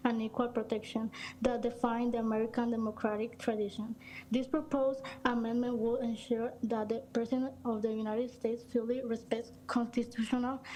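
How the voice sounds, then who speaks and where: A student, a young woman, reading a prepared public comment at a school board meeting in a formal, steady way with small slips. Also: fairly high pitch, slight background noise, low-quality recording. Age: teens.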